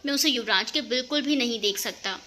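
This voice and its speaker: A brooding young man insists the girl must be his. A woman storyteller voices him without lowering her bright, high voice, so he stays close to her own sound. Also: a little fast, slight background noise. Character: obsessive young man, possessive rival suitor.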